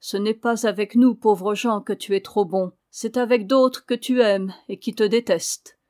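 A woman voicing a strange young albino man who speaks softly and sadly. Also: medium pitch, steady tone, a little slow, close to an everyday voice. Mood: soft warning. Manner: soft, sad, knowing.

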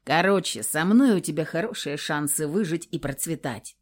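A woman's voice: deep voice, animated, moderate pace. A woman voicing a cocky young male warlock who talks smugly and without a care, in a read-aloud story. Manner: smug, drawling, unbothered.

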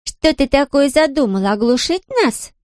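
A woman reader voicing a bratty, defiant young girl in an audiobook, shrill and scornful. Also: lively intonation, moderate pace, darkish tone, dry recording, clean studio sound.

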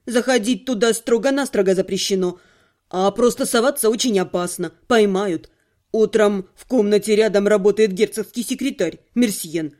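A guarded young servant lad, cautious and frank, talking plainly in a raised, boyish register, as a man reading a storybook puts him on. His voice stays soft and mellow. He speaks clearly and without fuss. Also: high voice, moderate pace, natural voice. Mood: wary. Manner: guarded, matter-of-fact, clear-spoken.

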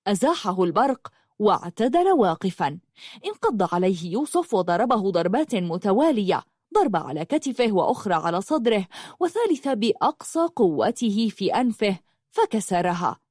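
A woman narrates a dramatic action story with vivid, expressive delivery. Her pitch swings with lively movement. The recording is dry and close. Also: normal speed, husky, no room sound.

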